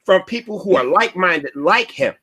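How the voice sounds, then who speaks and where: A man's voice: sits high, animated, moderate pace, bright, forceful tone, slightly rough. A man hosting a radio talk show, talking in an earnest, searching way with frequent restarts. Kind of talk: casual radio discussion.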